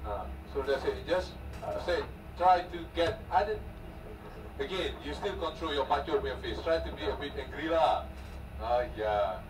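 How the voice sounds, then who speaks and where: A man's voice: fairly high pitch, moderate pace, a crowd in the background. Man, Malaysian accent, training instructor, clipped reassuring commands, distant echoey mic. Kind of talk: coaching over an intercom during training.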